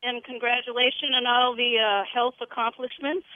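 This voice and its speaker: A caller on a radio show, speaking in a halting, hesitant way. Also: male voice, extremely high pitch, level tone, no room sound. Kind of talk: phone call to a radio show. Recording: tinny phone line.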